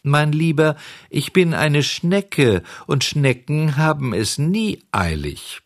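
A man reading a storybook and voicing a calm female snail doorkeeper who speaks slowly, with drawn-out, unhurried words. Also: mid-range voice, voice pushed up. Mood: placid, unhurried.

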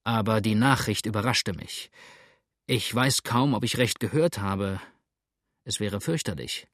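A man voicing a cautious justice of the peace who speaks in an earnest, measured way. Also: lowish voice, a bit bright, no echo, studio quality. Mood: shaken.

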